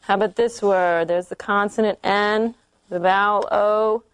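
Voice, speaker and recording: A woman's voice: mid-range voice, steady tone, a little slow, clean tone. A woman teaching a small group of children to read in a classroom, patiently asking questions and checking they follow. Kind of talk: classroom phonics lesson.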